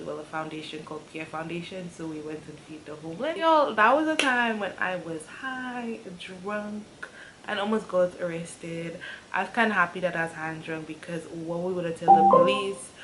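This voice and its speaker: A young woman in her twenties telling a lively storytime to her vlog viewers, laughing often as she talks. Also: on the low side, a little hiss or hum, low-quality recording. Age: young adult. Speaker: YouTuber.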